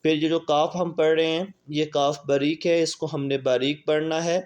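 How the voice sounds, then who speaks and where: A man teaching a Quran spelling lesson, explaining quickly, then spelling letters in slow drawn-out drills. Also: fairly high pitch, little pitch movement, darkish tone, dull audio.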